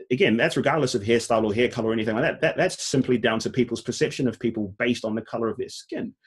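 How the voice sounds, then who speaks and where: A man with a New Zealand accent, co-hosting a casual debate, talking in rapid bursts with many "like" fillers and restarts. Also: mid-range voice, slightly rough. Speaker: co-host.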